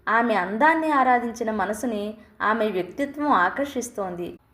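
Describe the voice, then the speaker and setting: A woman's voice: on the high side, expressive, normal speed, a bit bright. Woman narrating a story, roomy echo. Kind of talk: scripted narration.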